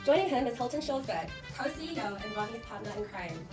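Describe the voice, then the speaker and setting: A woman hosts a scripted game show in a student role play, bantering playfully and teasingly. Her voice is on the high side, lively and fairly quick. The mic is distant and the sound echoey, with music behind her.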